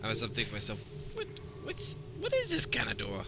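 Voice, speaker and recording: A man's voice: fairly low pitch, huge pitch swings, a little fast, pushed and bright, slight background noise. A man playing a tabletop game, chatting casually as he role-plays. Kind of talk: casual role-play chat.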